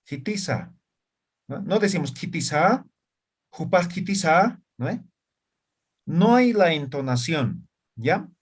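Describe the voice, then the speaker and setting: A man teaching a live language class, his pitch moving lively up and down. His voice is a little husky, and he keeps asking his students whether they follow. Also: slow. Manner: asks frequent check questions. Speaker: Aymara teacher.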